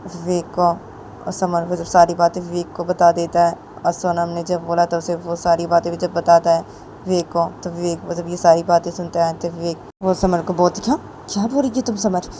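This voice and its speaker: A woman's voice: fairly low pitch, monotone, normal speed, dark tone, a little hiss or hum. A woman casually narrating a romance story, rambling and repeating the characters' names.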